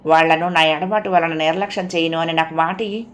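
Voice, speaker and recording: A woman voicing a frightened, devoted family man shaken by a nightmare, pleading and agitated, her voice raised and louder. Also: sits low, fairly even intonation, fairly quick. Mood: fearful, pleading.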